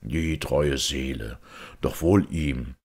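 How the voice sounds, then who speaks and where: A worn old knight speaking quietly and with feeling, his voice deep, gravelly and husky. A man puts him on while reading an audiobook. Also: takes it slowly, full character voice. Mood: tender. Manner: low, soft-spoken, moved. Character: aged grieving knight, tender and weary.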